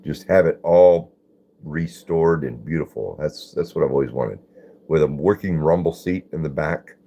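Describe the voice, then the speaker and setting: A man's voice: rumbling low, normal speed, gravelly, mellow, slightly rough, dull audio. An older man hosting a live stream, chatting in a folksy way and greeting viewers by name as he reads their comments. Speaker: livestream host. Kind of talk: casual live-stream chat reading comments.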